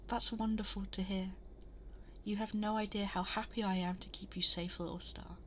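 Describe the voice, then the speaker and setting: A woman playing a gentle, motherly, ageless cosmic princess in an ASMR bedtime roleplay, speaking tenderly and reassuringly, often in a breathy half-whisper, close to the microphone. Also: medium pitch, little pitch movement, normal speed, a little hiss or hum, lightly acted. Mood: warm, glad. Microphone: close binaural 3Dio microphone.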